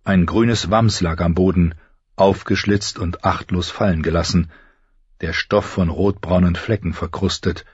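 Deep, husky male audiobook narrator. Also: fairly even intonation, a little slow, no echo, muffled recording. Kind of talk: scripted narration.

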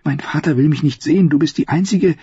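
A man's voice: fairly high pitch, fast, warm tone, slightly rough, no room sound, dull audio, voice pushed up. A man voicing a proud, scheming young princess who is imperious one moment and coaxing the next. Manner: imperious, then coaxing and confiding.

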